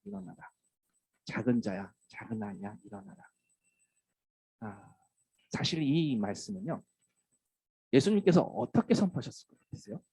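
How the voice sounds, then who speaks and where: A man, a pastor, preaching a sermon, who now and then acts out tender lines in a soft voice. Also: mid-range voice, moderate pace, pauses often, slightly rough, no echo, low-quality recording. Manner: lively, acts out tender wake-up calls in a soft voice.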